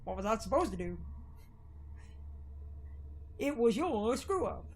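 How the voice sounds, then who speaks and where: A woman voicing a gruff middle-aged male small-town cultist in a put-on deep Southern drawl, slow and matter-of-fact. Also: big pitch swings, a little mellow. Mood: grim.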